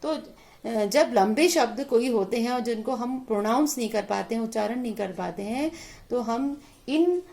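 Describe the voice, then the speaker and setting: A woman's voice: fairly high pitch, lively intonation, normal speed, vocal fry, dark tone. A woman teacher explaining English vowels, sounding out each word syllable by syllable and repeating it. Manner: mixes Hindi explanation with English words. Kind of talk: slow classroom lesson on vowel sounds.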